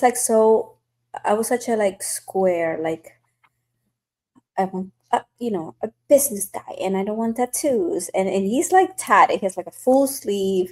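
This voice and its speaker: With a mid-range voice and a darkish tone, a woman tells stories on her podcast. The talk is casual and chatty, full of fillers.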